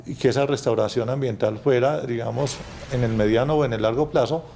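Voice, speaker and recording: A man giving a formal interview answer in a halting, deliberate way. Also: mid-range voice, vocal fry, dark tone. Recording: faint ambient background noise.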